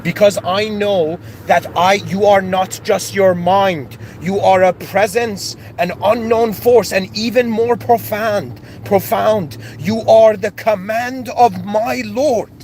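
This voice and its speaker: A man's voice: high-pitched, fairly even intonation, slow, few pauses, a little mellow, a little hiss or hum. A man born in Iran and raised in Canada, giving an impassioned, searching spiritual monologue with many restarts and rising outbursts. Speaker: spiritual speaker.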